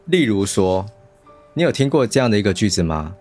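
A man's voice: fairly low pitch, big pitch swings, brisk, a little mellow, soft background music. A man with a Taiwanese Mandarin accent chatting casually and expressively as a co-host of a book show. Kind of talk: casual chat about books.

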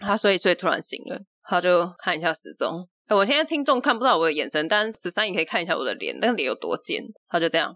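A woman with a Taiwanese Mandarin accent, co-hosting a podcast and telling a family story in lively, exasperated fashion. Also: fairly low pitch, quick pace, few pauses, dry recording. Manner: animated storytelling, exasperated retellings. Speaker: podcast co-host. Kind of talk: casual chat.

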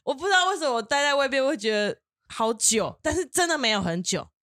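A young woman, co-hosting a podcast, telling a personal story in an animated way and breaking into high laughing bursts. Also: fairly quick, dry recording, studio quality. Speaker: podcast co-host. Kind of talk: casual storytelling chat.

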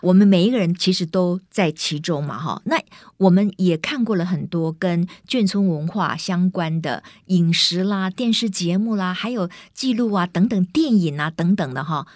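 A middle-aged woman from Taiwan hosting an interview in carefully standard Taiwanese Mandarin, clearly enunciated and effusive. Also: on the low side, moderate pace, a little mellow, no echo, studio quality. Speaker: interview host. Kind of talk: conversational hosting.

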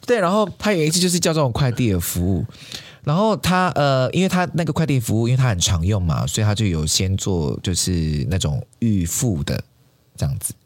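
A man telling a story in a casual podcast chat, animated and quick to laugh. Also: on the low side, no room sound. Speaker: podcast co-host.

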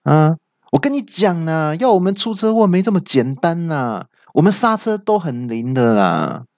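A man's voice: big pitch swings, no room sound, dull audio. A man voicing a brash, boastful male martial-arts thug who bellows his move names. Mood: taunting. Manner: shrill, bragging, yells move names slowly.

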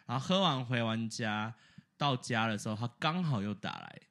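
A man co-hosting a podcast, telling a story in casual chat, animated, laughing often and slipping English words in. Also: mid-range voice, moderate pace. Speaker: podcast co-host.

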